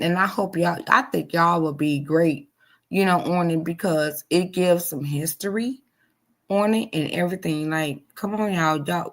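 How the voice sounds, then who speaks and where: A woman in her forties chatting live with her viewers, leaning on her words and repeating herself for emphasis. She takes her time, unhurried, with a rough, gravelly fry running under her voice. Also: on the low side. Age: 40s. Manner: emphatic and repetitive, addressing viewers directly. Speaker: livestream host. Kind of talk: casual live chat to supporters.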